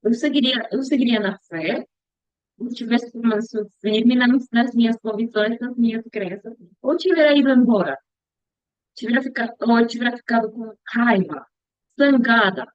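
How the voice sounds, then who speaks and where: A young woman talking slowly and hesitantly in a casual vlog about her upcoming mission, often stopping to search for words and restarting her sentences. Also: on the high side, no room sound. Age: young adult. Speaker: future missionary practicing a language. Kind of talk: casual reflective vlog monologue. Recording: dull, dry lo-fi recording.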